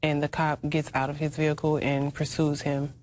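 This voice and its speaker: A woman with a low-pitched voice answers an interviewer as an eyewitness. She recounts things plainly and matter-of-factly, with some noise in the background. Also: monotone, normal speed, a little mellow.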